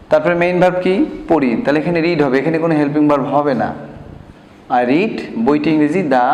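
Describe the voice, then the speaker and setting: A man teaching a grammar lesson to a class. He patiently asks questions, answers them himself and slows down to spell out examples, in a Bangladeshi Bengali accent. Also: fairly high pitch, creaky, a little mellow. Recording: echoey room with long reverb.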